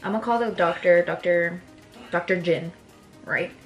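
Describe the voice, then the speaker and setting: Young woman just chatting and telling a story, keeps saying right?, quiet music behind. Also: lowish voice, unhurried, highs cut off. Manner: casual, keeps checking in with "right?". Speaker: vlogger. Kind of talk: casual storytelling chat.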